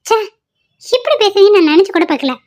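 A woman's voice: extremely high pitch, lively intonation, fast talker, darkish tone. A woman playing an indignant young wife. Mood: reproachful. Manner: indignant, reproachful. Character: young wife scolding her brother-in-law.

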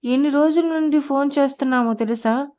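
Brief: woman doing a playful young friend in a storybook audio drama, high voice, dull lo-fi sound. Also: fairly quick, darkish tone, lightly acted. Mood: teasing. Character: teasing young woman friend, later tearful.

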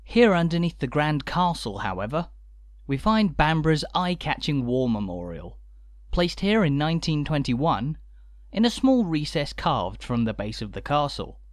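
A man with a slightly high voice narrates a walking tour from a script. His delivery is measured and informative, with a light, dry humour. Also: very animated, no room sound.

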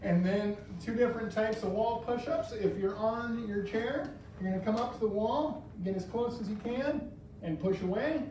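Leading an adaptive exercise class, a man in his thirties delivers encouraging, upbeat instructions step by step in a high, slightly mellow voice at a moderate pace. He's far from the camera in a large, bare indoor room with heavy echo and slight background noise.

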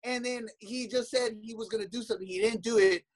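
A man's voice: very high voice, fairly even intonation, brisk, husky, poor audio. A young adult man, a comedian guest, arguing heatedly and defensively on a podcast, rambling and cursing.

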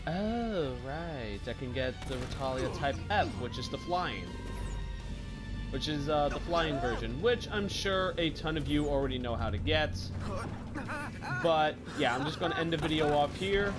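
A man's voice: on the high side, expressive, a little slow, over music. A man giving rambling, casual gameplay commentary, apologetic and swearing a lot, with a cough. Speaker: gaming YouTuber.

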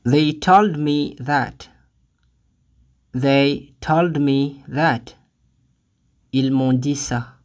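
A language teacher reading short phrases one at a time, saying each twice with careful, deliberate delivery, then giving the translation. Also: mid-range voice, a little mellow. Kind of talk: slow phrase-by-phrase lesson reading.

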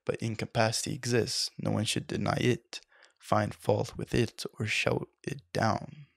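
A man's voice: fairly low pitch, flat delivery, measured pace, vocal fry, no room sound, clean studio sound. A man reading a book passage aloud in a lecture, often stumbling over words and correcting himself.

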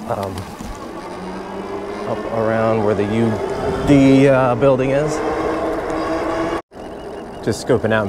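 A man chatting casually to his viewers as guys while riding an e-bike outdoors on trails. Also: on the low side. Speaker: vlogger. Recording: loud wind and road noise outdoors. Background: wind and vehicle noise.

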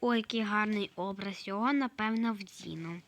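A woman with a hoarse voice narrating her game play in a soft, slow way, often slipping into a whisper. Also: medium pitch, slight background noise. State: hoarse, coughing. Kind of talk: casual gameplay narration.

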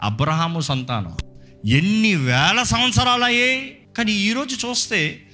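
Bright, high-voiced man preaching. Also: animated, measured pace, soft background music. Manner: emphatic preaching with rhetorical questions to the congregation; answers a scripture reader with short affirmations. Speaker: pastor. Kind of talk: sermon. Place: church service.

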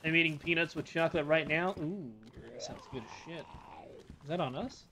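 A man's voice: on the high side, a little fast, noisy background. A man chatting casually while playing a co-op game, joking and swearing with his partner. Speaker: gamer.

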